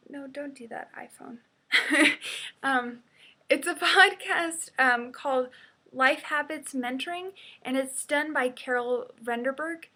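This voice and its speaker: A young woman records a casual video diary at home, speaking slowly in a somewhat high voice. She hesitates often with ums and laughs at herself now and then, caught on a phone or webcam mic. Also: bright, forceful tone. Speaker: vlogger.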